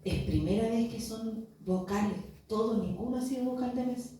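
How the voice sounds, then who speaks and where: A woman's voice: a little high, moderate pace, dark tone, a little hiss or hum. A woman giving a church testimony, telling her story and acting out the dialogue with rhetorical questions. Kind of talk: sermon testimony. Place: church hall. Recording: echoey church hall, voice from far off.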